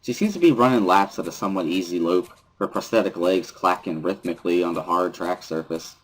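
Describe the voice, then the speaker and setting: Reading a visual novel aloud in the first person, a man performs a scripted dramatic reading for a dramatic reading series. His voice sits low and sounds husky, and he moves fairly quickly.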